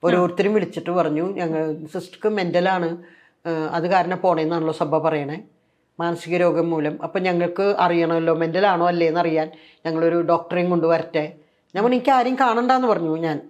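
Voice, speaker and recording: Here a former nun, an older Keralite woman with a Malayalam accent, recounts her story during an interview. Her voice is lowish and her speed normal. She's animated, mimics the voices she quotes, and leans on frequent fillers.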